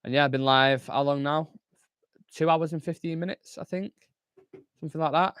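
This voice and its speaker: A man's voice: fairly high pitch, fairly even intonation, normal speed, fairly bright tone, smooth, dry recording. Brief: young man, fan-channel host, loose sweary live chat, dry close-mic sound. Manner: casual, chatty, swears freely, reads chat aloud. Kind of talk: live football watchalong chat.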